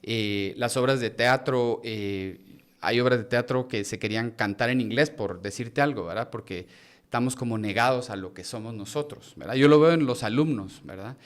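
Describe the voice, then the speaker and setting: A Guatemalan-accented man who acts and teaches acting, speaking as a podcast guest. His voice is of middling pitch, and he thinks aloud, pausing often on "eh" as he works through his ideas. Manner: reflective, hesitant with many "eh" fillers. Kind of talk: casual conversation.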